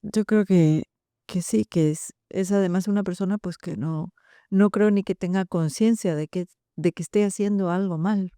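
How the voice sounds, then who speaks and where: A woman in a podcast conversation, speaking in a measured, reflective way and explaining patiently. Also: mid-range voice, mellow, dry recording, clean studio sound.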